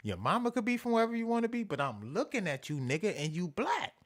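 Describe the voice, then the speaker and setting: A man hosting an animated commentary rant, repeating himself emphatically with profanity and mocking asides. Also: high voice, quick pace. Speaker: show host.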